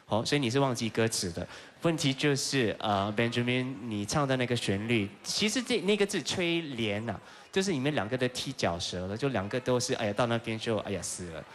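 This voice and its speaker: A man's voice: mid-range voice, expressive, a little fast, hardly any pauses. Male judge, medium voice, dry jokes, faint background hum. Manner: wry, joking. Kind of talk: judge's critique on a talent show.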